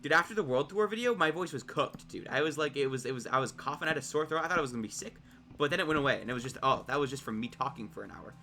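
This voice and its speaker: A man giving casual, excitable gameplay commentary, rambling to his viewers while he builds, his voice cracking from overuse. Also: mid-range voice, very fast, faint music behind. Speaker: gaming video creator.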